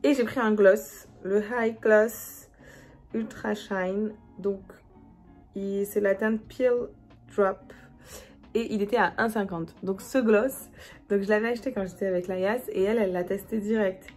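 A woman's voice: mid-range voice, fairly even intonation, measured pace, a little mellow, faint music behind. Chatty young woman with a Marseille accent. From France. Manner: chatty, slangy, laughs often, drops into murmurs while applying makeup. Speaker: beauty vlogger. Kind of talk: casual makeup review chat.

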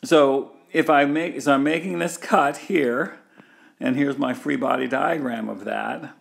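Male lecturer, unhurried delivery, gravelly husky tone, talks through diagrams with fillers. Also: mid-range voice. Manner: thinks aloud with many fillers and restarts, walking through a diagram. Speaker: engineering lecturer. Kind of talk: recorded university lecture.

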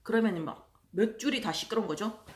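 A vlogger tells stories in a casual monologue, sounding chatty and exasperated as she acts out other people in loud voices. Her voice sits in the mid range and she talks fast.

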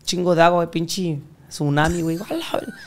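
A man's voice: a little high, steady tone, fairly quick. A young Mexican man, a podcast guest, telling crude stories full of profanity and acting out the voices of people he quotes. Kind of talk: casual storytelling interview.

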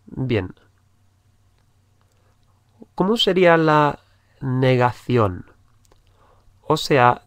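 An English teacher with a mid-range voice gives a slow spoken language lesson, patiently repeating each phrase and spelling out the letters. The recording is dry, with clean studio sound.

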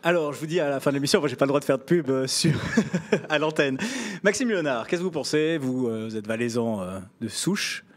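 A man's voice: mid-range voice, a little fast. Swiss French male TV host. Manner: lively, prompting guests. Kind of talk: hosting a TV talk show. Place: TV studio in a stone cellar. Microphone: handheld mic.

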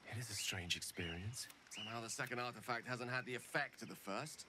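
An actor playing a troubled, learned male wizard in a video game, speaking formally and haltingly. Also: medium pitch, background noise, close to an everyday voice. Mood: uneasy.

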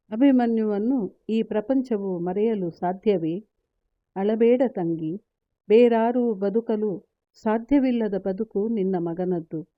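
A woman voicing a calm divine male counselor from an epic, consoling in measured sentences. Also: mid-range voice, no room sound, narrow, tinny audio, natural voice.

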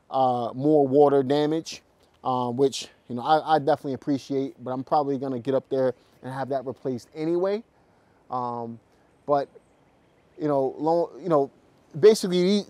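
Mellow-voiced man in a casual vlog. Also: mid-range voice, no echo. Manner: talks straight to viewers with many fillers and restarts. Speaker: real estate investor. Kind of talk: casual walk-through vlog. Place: outdoors at a house, then in a car.

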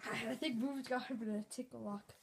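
A woman giving excitable mock play-by-play commentary, swinging from low mutters to sudden yelps, filmed at home in a bedroom. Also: a little fast, noisy background. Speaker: channel host filming pets. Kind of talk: mock sports commentary on a cat fight.

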